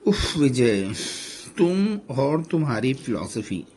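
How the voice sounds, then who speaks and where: A man voicing a sharp-tongued middle-aged wife who teases and scolds her husband. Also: mid-range voice, very animated, slow, husky, pitched above the performer's own voice, full character voice. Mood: complaining. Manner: scolding, bossy.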